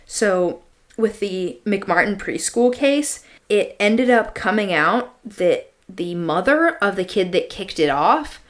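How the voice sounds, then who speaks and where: Co-hosting a podcast, this woman talks at a slow pace in a medium-pitched, animated voice. Her stories and chatter are loose and slangy, full of emphatic repetition.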